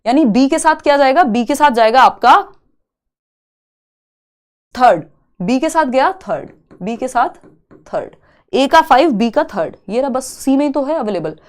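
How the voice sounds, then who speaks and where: A woman's voice: high voice, animated, normal speed, pauses often. Chatty woman teaching an exam class. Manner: chatty, reassuring, mixes Hindi with English terms. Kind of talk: online exam coaching lesson.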